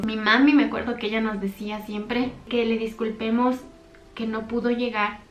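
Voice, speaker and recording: A woman's voice: a little high, dull audio. A young woman tells a personal story from her childhood to her channel in an earnest, heartfelt, intimate way. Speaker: YouTuber. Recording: echoey room.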